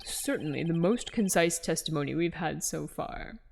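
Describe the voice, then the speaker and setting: A woman voicing a stern male judge from a courtroom video game, in a formal, measured way. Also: low-pitched, expressive, creaky, a little mellow, voice pushed down, heavily acted. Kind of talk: video game dialogue read aloud.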